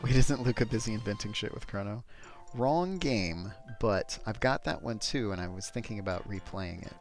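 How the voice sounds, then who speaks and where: A man's voice: on the low side, moderate pace. A man hosting a let's play, giving casual, sweary and jokey commentary that pokes fun at the game. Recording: game music behind voice.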